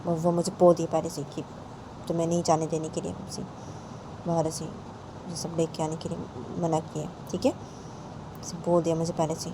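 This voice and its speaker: A woman's voice: low-pitched, completely flat delivery, normal speed, long pauses, background noise, close to an everyday voice. A woman voicing a stern but caring middle-aged aunt who firmly tells her niece not to go out. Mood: admonishing. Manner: admonishing, firm.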